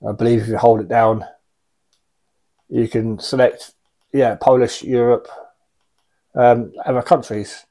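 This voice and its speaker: In a small indoor radio room, a British radio hobbyist in his forties gives a casual, unscripted gear review that is wry, blunt and rambling. His warm voice sits at medium pitch with a level tone, and he moves at a measured pace with long pauses.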